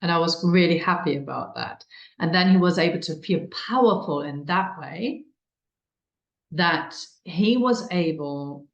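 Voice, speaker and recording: A woman giving a conversational webinar talk on child development, animated and full of fillers, slipping into acted-out quotes. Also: sits low, highs cut off. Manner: animated, uses many fillers, acts out quotes. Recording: echoey room.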